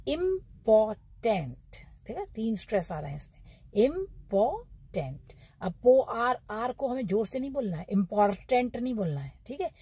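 A middle-aged woman with an Indian accent teaching English pronunciation, stretching out model words slowly and repeating them for practice. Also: fairly high pitch, very animated, darkish tone, husky, dry recording. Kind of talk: pronunciation lesson.

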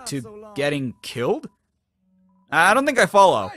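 A man's voice: fairly high pitch, wildly swooping pitch, measured pace, fairly bright tone, faint music behind. A man giving scripted, nitpicking commentary as a sarcastic game critic.

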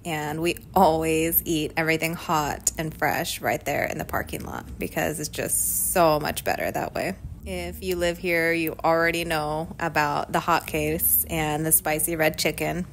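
Young woman travel vlogger, low voice, casual and enthusiastic. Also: a little hiss or hum, low-quality recording. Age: young adult. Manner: upbeat, gushing, lots of "like". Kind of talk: casual travel vlog narration.

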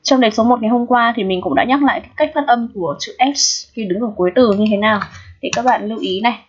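A woman's voice: on the high side, fast, husky. A Vietnamese-accented woman teaching, going through a middle-school English exam step by step and often checking that her students follow. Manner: patient, checks in often with the class. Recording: dull lo-fi audio.

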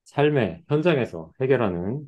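A man's voice: mid-range voice, lively intonation, normal speed, lo-fi sound. A man hosting a casual interview, nodding along with short replies and giving earnest commentary. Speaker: channel host, counselor.

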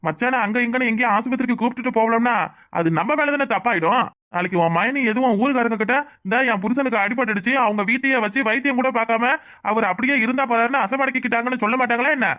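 A quick, mid-pitched voice of a greedy cartoon husband, as a performer puts him on, sweet-talking in the open and plotting money schemes under his breath. He talks with a southern Tamil accent from Tirunelveli, over faint music. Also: sharp tone, close to an everyday voice. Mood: wheedling. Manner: wheedling aloud, plotting asides. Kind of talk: cartoon voice acting.

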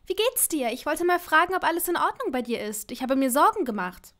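A woman's voice: high-pitched, animated, brisk, fairly bright tone, voice pushed up. A woman voicing a nervous but proud young woman in an audiobook, speaking in a lifted, eager tone.

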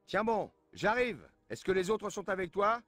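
An actor playing a tough, irritable action hero in a video game, loud, urgent and commanding. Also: male voice, high-pitched, big pitch swings, moderate pace, music in the background. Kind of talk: French video game dub acting.

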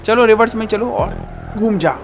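A man giving excited live commentary on a racing game, shouting at the game and joking with his viewers. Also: high-pitched, normal speed, noisy background. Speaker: gaming YouTuber.

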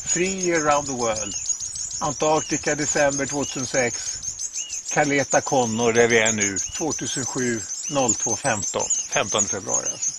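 A man in his sixties from Sweden, narrating his sailing trip in a chatty, explanatory way, outdoors on a boat. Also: mid-range voice. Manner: chatty, explains at length with fillers. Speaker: sailing vlogger. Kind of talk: casual travel narration. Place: outdoors on a sailboat and shore. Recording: outdoor noise on camera mic.

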